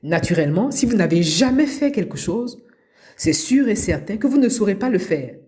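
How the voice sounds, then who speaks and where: A personal development coach and podcast host, a middle-aged woman from Abidjan, Ivory Coast, delivers a motivational talk at normal speed. Her mid-range voice is sing-song and dark in tone, and she teaches by repeating key points for emphasis.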